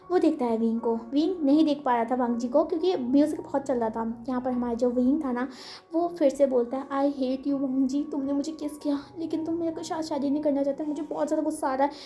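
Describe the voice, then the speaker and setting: A woman's voice: high-pitched, mellow, reverberant. A woman casually retelling a fan story in a chatty way, full of fillers. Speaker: fanfiction narrator.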